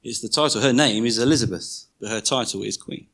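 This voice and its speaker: A man's voice: mid-range voice, brisk, fairly bright tone, slightly rough. Chatty man preaching. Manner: informal and chatty, leaning hard on repeated key words. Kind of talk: conversational sermon teaching. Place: church.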